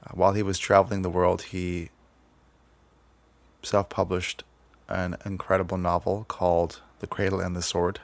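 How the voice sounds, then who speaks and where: A man speaks as a podcast host with a very low, gravelly voice. His delivery is casual, measured and fairly flat, with some hesitant phrasing. The sound is dry and close. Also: dry recording. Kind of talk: casual podcast introduction and conversation.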